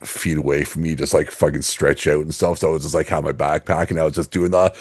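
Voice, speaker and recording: A man co-hosting a podcast in a casual, rambling way, piling up fillers and false starts. His voice sits very deep and low. The recording is close and dry. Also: steady tone, fast talker, a little mellow, husky, no echo. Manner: rambling storyteller, many fillers and restarts, laughs easily. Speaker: podcast co-host. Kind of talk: casual chat.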